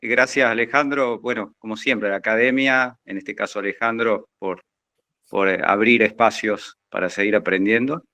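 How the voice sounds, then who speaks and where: A man's voice: on the low side, steady tone, moderate pace, pushed and bright, dry recording. A man who works as a gardener, speaking into his phone with many fillers as he sets up a question. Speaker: gardener in the audience. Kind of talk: online Q&A question.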